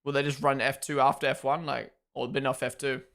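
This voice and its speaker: A man chats through a live stream at a desk mic. His voice sits at an everyday middle pitch. He is loose and unscripted, dropping in the odd swear. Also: flat delivery, brisk, creaky, fairly bright tone. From New Zealand. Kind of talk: casual live watch-along chat.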